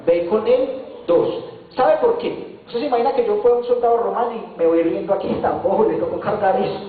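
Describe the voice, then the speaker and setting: A man's voice: high voice, steady tone, quick pace. A man preaching a sermon as pastor, telling stories, acting out dialogues and asking the congregation rhetorical questions. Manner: acts out dialogues in different voices. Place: church hall. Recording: echoey hall, distant mic, thin phone-like sound.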